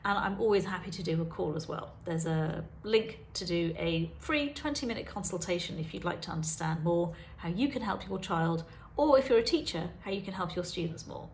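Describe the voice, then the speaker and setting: A woman's voice: lowish voice, animated, brisk, few pauses, a little hiss or hum. A woman, a dyslexia specialist, explaining spelling and reading directly to the viewer in a teaching video. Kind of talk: talking-head teaching video.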